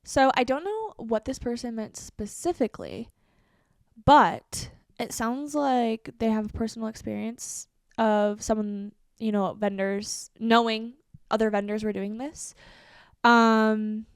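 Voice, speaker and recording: A woman's voice: fairly high pitch, unhurried, clean tone, dry recording, studio quality. A woman in her twenties hosting a solo podcast, talking casually with lots of fillers. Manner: casual, animated, many fillers like "like" and "um". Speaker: podcast host.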